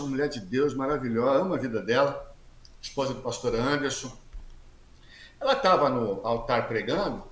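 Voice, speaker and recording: A man, a guest telling his testimony in a casual interview, talking loudly and acting out the dialogue he quotes with plenty of slang. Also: mid-range voice. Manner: lively storyteller who acts out quoted dialogue, slangy; speaks loudly. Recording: echoey room with faint background hiss.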